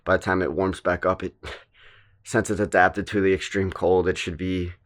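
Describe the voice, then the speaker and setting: Low-voiced man casually vlogging. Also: normal speed. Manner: relaxed, plain-spoken, thinks aloud with small restarts. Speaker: fitness vlogger. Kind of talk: casual vlog talk to camera.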